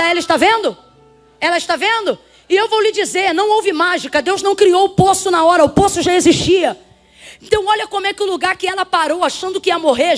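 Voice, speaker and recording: A Brazilian woman preaching a sermon to a congregation, emphatic and swinging from soft talk to shouts as she calls on the listeners. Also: very high-pitched. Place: church before a congregation.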